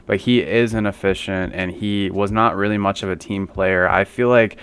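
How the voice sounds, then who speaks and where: A man's voice: lowish voice, fairly even intonation, normal speed, fairly bright tone, a little hiss or hum. A man hosting a sports commentary channel, talking through viewer takes in a rambling, conversational way with lots of fillers. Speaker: basketball commentary channel host.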